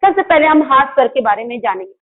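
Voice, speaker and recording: A woman's voice: sits high, expressive, fast talker, slight background noise. A woman teaching a Hindi grammar class online to children. She asks the class questions and answers them herself, and she stops to correct her own slips. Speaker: school teacher. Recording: tinny phone-like audio.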